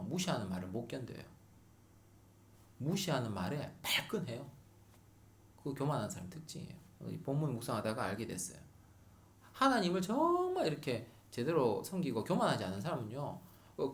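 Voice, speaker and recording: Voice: medium pitch, slight background noise. A middle-aged pastor preaching a sermon at a Friday prayer meeting, repeating key words for emphasis.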